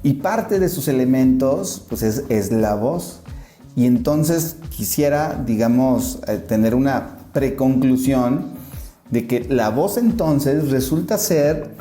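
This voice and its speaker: A man hosts a relaxed podcast discussion with an energetic, restarting manner. His voice is warm and dark. The room around him sounds echoey. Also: medium pitch, slow, faint music behind. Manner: energetic, many restarts, steers the conversation. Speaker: podcast host and moderator.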